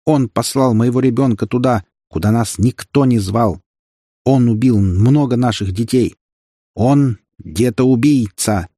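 A man voicing a grief-stricken mother who screams accusations in a shrill, squealing voice. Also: sing-song, a little slow, a little mellow, husky, dry recording, studio quality. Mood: accusing. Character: grieving mother, shrieking accusations, middle-aged.

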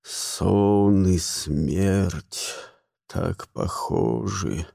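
A man voicing a poisoned old wizard, his voice dropped very low, hoarse and rasping. He mutters his words slowly and darkly, close to the mic in a dry, dead room. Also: warm tone, no echo, full character voice. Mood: mournful muttering. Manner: slow, muttering. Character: wounded old male wizard, weary and grim.

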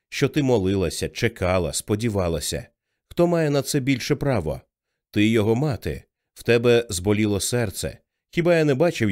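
A man reading the part of a middle-aged father who speaks sternly, low and measured. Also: a little mellow. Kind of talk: audiobook character reading.

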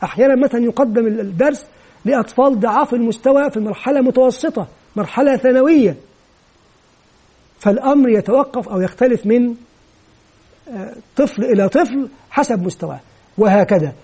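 A man with a very high-pitched voice that is also dark and mellow in tone. He lectures in a calm, methodical way, laying out each step of a classroom method in order. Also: slightly rough. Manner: measured, methodical explaining. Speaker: teacher trainer. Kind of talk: explanatory lecture on teaching method.

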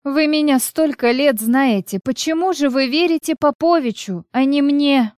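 Brief: woman voicing a desperate young woman boss, higher and pleading, smooth, dry audiobook. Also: lively intonation, moderate pace, no echo, lightly acted. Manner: pleading, shaky. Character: upset young woman executive, defensive.

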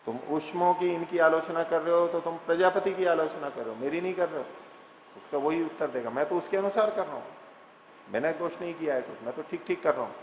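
A man's voice: fairly high pitch, a little hiss or hum. Man lecturing on scripture in an echoey hall. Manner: recites verses slowly, then explains plainly with rhetorical questions. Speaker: teacher of scripture. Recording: echoey hall, dull lo-fi sound.

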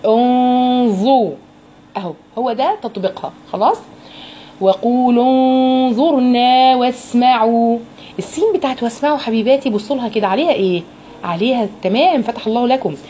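An Egyptian woman teaches a recitation lesson in a fairly high, soft, mellow voice. She asks her students questions and models each sound, with faint noise behind her. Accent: Egyptian Arabic. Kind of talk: tajweed lesson for women.

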